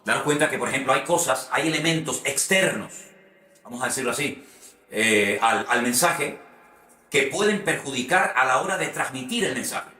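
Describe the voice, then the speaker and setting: A man's voice: medium pitch, animated, moderate pace, sharp tone, echoey room, recorded from a distance. A male pastor, preaching a sermon about preaching, who often repeats phrases and asks rhetorical "¿no?" questions.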